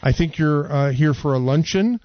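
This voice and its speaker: A man hosting a radio interview, talking haltingly with many fillers. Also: a little high, dry recording, muffled recording. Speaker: radio host.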